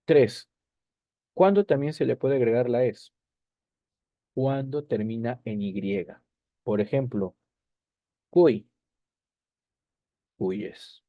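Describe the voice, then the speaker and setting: A man's voice: mid-range voice, slow pace, long pauses, no room sound. A male teacher explaining grammar rules, often checking whether the class follows and correcting himself, on a dull lo-fi recording. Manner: explanatory, with frequent checking questions and self-corrections. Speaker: language teacher.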